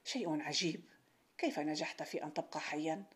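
A stern, commanding rich merchant, bored with everything he owns and quick to anger, as a woman reads him in a storybook. The voice sits low and dark, and it pushes a little louder when he issues challenges. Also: breathy edge. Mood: astonished.

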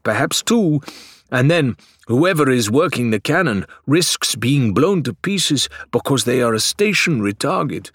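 A man's voice: mid-range voice, creaky, a bit bright, breathy edge, no echo, studio quality, pitched above the performer's own voice, heavily acted. A man voicing a formal, courteous male pirate who speaks with grave precision.

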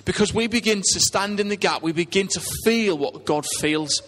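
A man's voice: high-pitched, normal speed, fairly bright tone. A man with a Teesside English accent preaching a conversational, earnest sermon, putting questions to his congregation. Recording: long hall reverb.

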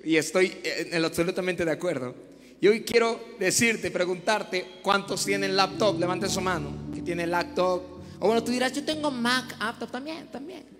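A young man with a Mexican accent preaching a lively sermon to a youth crowd in a large hall, shouting calls and joking between prayers. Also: sits high, moderate pace. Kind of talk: energetic live sermon to young people. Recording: echoing hall with music behind.

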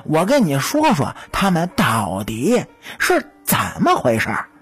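A woman's voice: deep voice, wildly swooping pitch, unhurried, husky, soft background music, voice pushed down, heavily acted. A woman voicing a cocky, teasing male weasel spirit in a storytelling audiobook. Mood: smug teasing. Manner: teasing, smug, chuckling.

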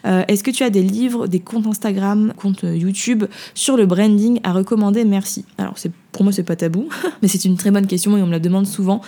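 A woman's voice: mid-range voice, fairly even intonation, fairly quick, mellow. A woman podcast host answering listener questions in a casual, hesitant way, with many fillers and self-mocking laughs. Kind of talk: casual spontaneous chat.

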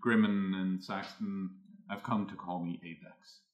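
A man playing a towering, faceless robot in a tabletop game, speaking in a metallic voice that sits a little low. It talks flatly and takes every word literally. The sound carries a roomy echo. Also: unhurried, lo-fi sound. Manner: flat, literal, asks for definitions. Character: tall, faceless, literal-minded robot construct.

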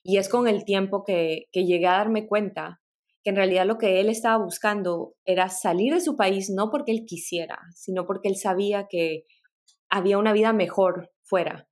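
Speaking at a moderate pace in a medium-pitched, slightly mellow voice, a Peruvian woman in middle age reflects on her life as a podcast guest. She works as a tech product director, has a mixed Latin American Spanish accent, and breaks into small laughs and restarts as she goes.

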